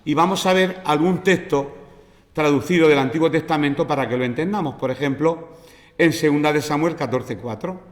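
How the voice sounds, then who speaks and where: Spanish male preacher, animated teaching delivery, slightly high voice, long church reverb. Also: normal speed. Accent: Spanish from Spain. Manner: animated, teaching, acts out pleas with raised voice. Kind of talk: sermon. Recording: echoey church hall.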